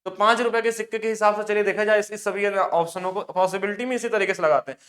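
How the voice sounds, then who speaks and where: A man teaching an exam-prep maths lesson, explaining briskly and coaxing students to look closely at each step. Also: high-pitched, steady tone, fairly bright tone.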